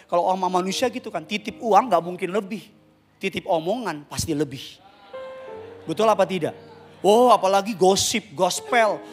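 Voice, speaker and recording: A male pastor preaching a sermon in a humorous, conversational way, with loud outbursts at times. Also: a little high. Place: church service.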